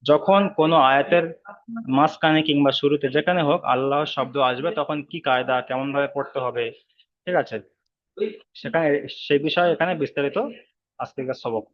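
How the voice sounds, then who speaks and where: A man's voice: mid-range voice, a little fast, dull audio. A man teaching Quran reading in an online class, explaining each rule step by step, repeating it, and drawing out the recited example words.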